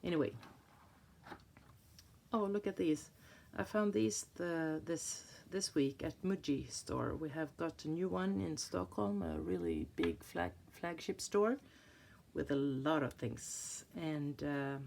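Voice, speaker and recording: A planner vlogger from Sweden, in her fifties, leafs through a planner at an indoor table, chatting hesitantly with frequent restarts as she searches for words. Her voice is deep, gravelly and a little mellow, with big pitch swings at a slow pace, and there's a faint hiss or hum.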